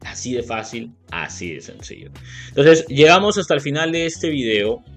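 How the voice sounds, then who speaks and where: A man's voice: mid-range voice, big pitch swings, normal speed, faint music behind. A man with a Latin American Spanish accent teaching a video lesson, explaining step by step and checking in often with the viewer. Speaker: English teacher.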